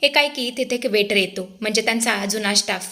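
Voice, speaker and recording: A woman's voice: mid-range voice, fairly quick, sharp tone. Woman narrator, dramatic storytelling recap, speaks to viewers. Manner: dramatic, addresses the audience.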